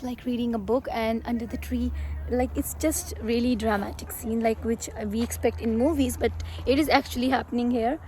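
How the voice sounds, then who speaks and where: A woman's voice: a little high, a little mellow, a little hiss or hum. A woman narrating a casual travel vlog outdoors into a handheld phone, chatty and upbeat, with many fillers and restarts. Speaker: travel vlogger. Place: outdoors, walking around a hilltop castle and lake.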